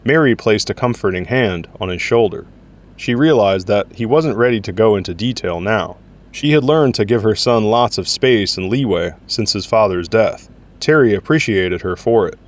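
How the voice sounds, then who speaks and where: A man with a fairly low voice tells a scripted story in the third person, full of description. His intonation is lively and his pace moderate.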